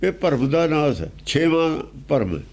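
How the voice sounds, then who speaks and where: Lively high-pitched man preaching a sermon. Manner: chants quoted verses slowly, then explains in rapid spoken commentary; rhetorical questions, repetitive emphatic phrasing. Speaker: preacher expounding scripture.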